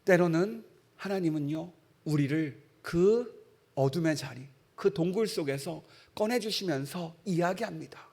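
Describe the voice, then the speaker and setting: A man preaching an impassioned evening sermon as pastor, swinging from loud appeals to quiet, soft lines and reading scripture aloud with the congregation. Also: a little high, animated, a little slow, gravelly.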